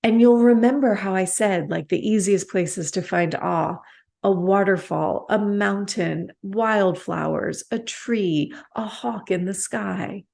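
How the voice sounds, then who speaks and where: Slow, gentle woman giving a meditation talk. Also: medium pitch, creaky. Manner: gentle, unhurried, with soft pauses. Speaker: meditation teacher. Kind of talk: slow reflective dharma talk.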